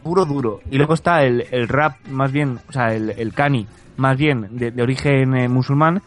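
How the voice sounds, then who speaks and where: Man from Spain, comic podcast host, rambling jokey delivery, mid pitch, faint music under. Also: normal speed. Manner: rambling, joking, laughs often. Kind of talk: comedic casual chat.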